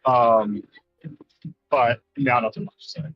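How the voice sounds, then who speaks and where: A man calls into a gaming stream without a proper mic, and his voice comes through muffled and lo-fi. Noise suppression fights the loud background noise around him and leaves warbling artifacts in his speech. He chats casually, rambling and filling gaps with "like" and "uh.". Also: mid-range voice, fairly even intonation, slow pace, faint music behind. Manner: rambling, lots of "like" and "uh". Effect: noise suppression artifacts over loud background noise. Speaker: remote guest on a gaming stream. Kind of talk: casual chat. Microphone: remote call, no proper microphone.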